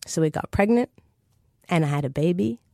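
A woman's voice: lowish voice, animated, brisk, gravelly, warm tone, no echo, clean studio sound. A woman telling a personal story to an audience in an earnest, vivid way.

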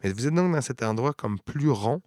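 A man with a Quebec French accent, narrating a tabletop game as game master in an unhurried, descriptive way. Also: medium pitch, expressive, a little mellow, no room sound, studio quality. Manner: descriptive, unhurried storytelling with many fillers.

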